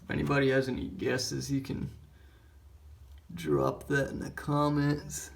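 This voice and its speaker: A man's voice: mid-range voice, flat delivery, unhurried, gravelly. A man giving a casual, rambling walkthrough with many fillers, his voice echoing around a damp underground concrete bomb shelter. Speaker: vlogger. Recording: echoey concrete room, faint noise.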